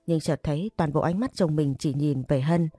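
A woman narrating a dramatic audio story in a measured way. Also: deep voice, mellow, slightly rough, dry recording.

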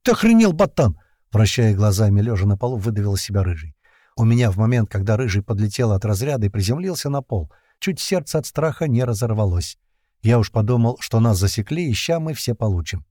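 Casting: male first-person narrator, tense and colloquial, mellow dark timbre, dry close sound. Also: on the low side, animated, a little fast, dry recording. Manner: tense, colloquial storytelling with slang. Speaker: audiobook narrator.

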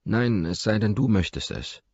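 A man's voice: fairly low pitch, lively intonation, normal speed, darkish tone, breathy edge, no echo, lo-fi sound, pitched above the performer's own voice. A man reading the lines of a shy, inexperienced young woman in an audiobook. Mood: hesitant.

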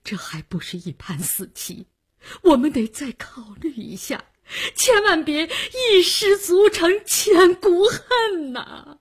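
A woman voicing a desperate middle-aged male business crony who pleads slowly, then turns bitterly mocking. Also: a little high, big pitch swings, darkish tone, husky, full character voice. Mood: pleading.

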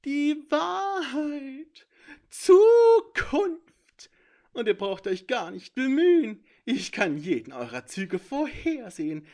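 A shrill, manic villain. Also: male voice, big pitch swings, slow pace, a little mellow, full character voice. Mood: gloating. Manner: shrill, cackling, taunting.

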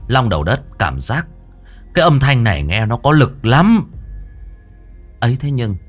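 A man's voice: medium pitch, big pitch swings, measured pace, soft background music. A man narrating a ghost story in a dramatic storytelling manner.

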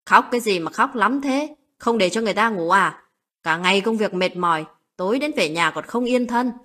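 A woman voicing a harsh older mother-in-law who yells cold insults at her daughter-in-law in a spoken story. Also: fairly high pitch, brisk, breathy edge. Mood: angry. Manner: shouting, cold and abusive.

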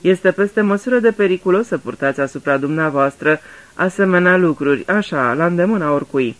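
Guy doing poirot, fussy polite old detective, kinda high, lecturing patiently, radio drama. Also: lively intonation, a bit bright. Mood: patient explaining. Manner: polite, patient, explaining like a teacher. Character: fussy, courteous older male Belgian detective.

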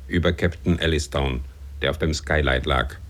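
A man playing a steady, dutiful first mate in a 1970s radio drama, talking in clipped phrases. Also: rumbling low, moderate pace.

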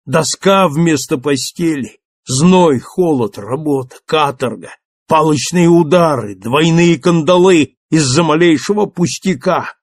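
A man's voice: fairly high pitch, dry recording, studio quality, pitched above the performer's own voice. A man voicing a haggard forty-six-year-old ex-convict, speaking in agitated, rising outbursts in an audiobook reading.

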